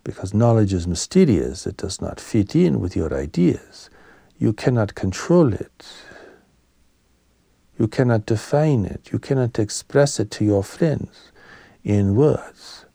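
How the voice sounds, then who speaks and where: Calm gentle guy doing a spiritual sermon, soft breathy husky voice, bit of gravel, slow solemn phrasing. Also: on the low side, no room sound. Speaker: spiritual teacher.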